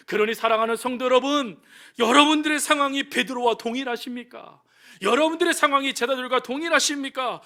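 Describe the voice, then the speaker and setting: A man's voice: very high voice, bright, forceful tone. A male pastor giving a Sunday sermon, often addressing the congregation with rhetorical questions and telling stories. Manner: storytelling with acted quotes.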